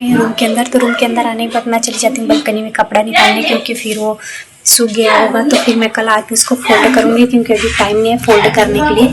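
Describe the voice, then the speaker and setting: A woman's voice: fairly high pitch, level tone, fast. A woman working as a nanny and house helper, chatting casually as she narrates her day step by step on her phone. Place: apartment, balcony and park. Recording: loud background noise.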